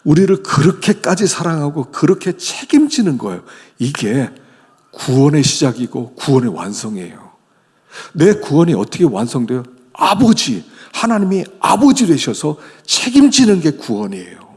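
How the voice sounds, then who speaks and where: A middle-aged man preaching a sermon as a pastor, with sudden leaps from loud exclamations down to hushed whispers. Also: fairly high pitch, very animated, normal speed, husky. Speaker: senior pastor. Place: church sanctuary. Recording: long church hall reverb.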